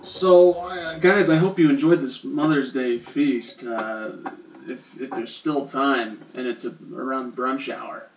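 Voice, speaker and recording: A man's voice: medium pitch, steady tone, takes it slowly, slight background noise. A man co-hosting a casual show, joking around playfully. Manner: jokey, playful. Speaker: co-host. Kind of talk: casual chat reviewing a TV show. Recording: roomy, distant mic.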